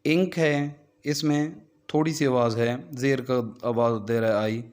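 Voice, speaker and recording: A man's voice: mid-range voice, unhurried, darkish tone. A man, a teacher trainer, giving a methodical lecture that walks through a textbook and explains each point with worked examples.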